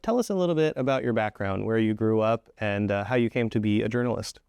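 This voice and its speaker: Smooth-voiced male news host. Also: on the low side, fast, a little mellow, dry recording, highs cut off. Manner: clear, composed presenter delivery. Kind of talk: scripted news intro and interview.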